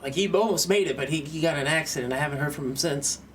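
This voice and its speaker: A man's voice: a little high, racing, slight background noise, lightly acted. A man voicing a nervous male survivor in a zombie apocalypse who stammers and trips over his words. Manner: stammering, jittery. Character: nervous male survivor guarding an empty storeroom.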